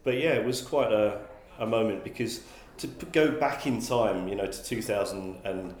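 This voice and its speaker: An English magazine publisher, appearing as a guest, answers interview questions in a fairly low, slightly mellow voice at a moderate pace. He's thoughtful, often restarting sentences and repeating words. The room sounds echoey.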